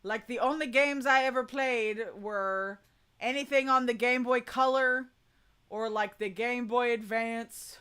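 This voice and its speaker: Chatty woman streamer with a bright, high voice. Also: fairly even intonation, a little slow, clear, resonant tone. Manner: chatty, informal, folksy "y'all". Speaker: VTuber streamer, voice coach. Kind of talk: casual livestream chat.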